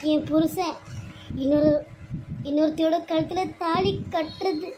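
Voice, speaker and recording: Weeping young wife, high-pitched. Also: female voice, steady tone, unhurried, dark tone, slight background noise, poor audio. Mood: grieving. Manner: sobbing lament, repeating and breaking off phrases. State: crying. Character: young wife, heartbroken, pleading and tearful. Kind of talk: cartoon serial voice acting. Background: background music.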